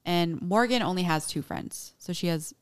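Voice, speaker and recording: Chatty woman, smooth and lowish. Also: moderate pace. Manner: chatty, many "like"s and "um"s, laughs easily. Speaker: podcast host. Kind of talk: casual chat, retelling a true crime case.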